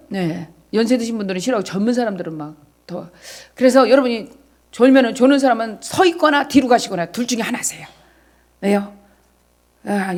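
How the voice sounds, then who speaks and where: A middle-aged woman pastor giving a sermon, moving between soft asides to the congregation and loud, shouted exhortation, and acting out God's words as direct speech. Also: a little high. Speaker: senior pastor.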